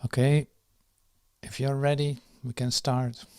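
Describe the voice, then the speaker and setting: A man guiding a meditation and slowly reading a prayer, soft and unhurried, with pauses and fillers. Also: mid-range voice, level tone, smooth, dry recording. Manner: reads the prayer slowly and firmly. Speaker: meditation guide. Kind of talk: guided meditation.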